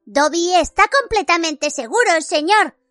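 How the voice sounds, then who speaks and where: A woman's voice: very high voice, animated, measured pace, fairly bright tone, no echo, studio quality, faint music behind, pitched above the performer's own voice, exaggerated voice. A woman voicing a small, eager male house-elf servant who talks in an earnest, formal way.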